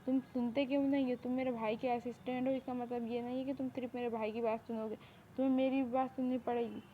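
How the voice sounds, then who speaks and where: A woman's voice: fairly high pitch, little pitch movement, fast talker, close to an everyday voice. A woman voicing a mafia boss's spoiled, lovesick younger sister who talks in a demanding, boastful way, in a fan audio drama. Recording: tinny phone-like recording, faint hiss.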